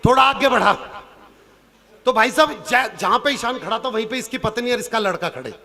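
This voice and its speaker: Male stage comic poet, piercing high pitch, storytelling for a live show. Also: lively intonation, normal speed, bright, forceful tone. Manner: acts out characters' lines in shifted voices; turns earnest and preachy near the end. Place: outdoor or hall stage before a live audience.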